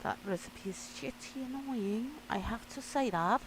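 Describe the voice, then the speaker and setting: A woman's voice: a little high, a little slow, background noise. A woman playing a cooking game, talking to herself as she works and swearing at impatient customers in a playful way. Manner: playful, talks to herself while working. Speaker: gamer playing a cooking simulation. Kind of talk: casual gameplay commentary.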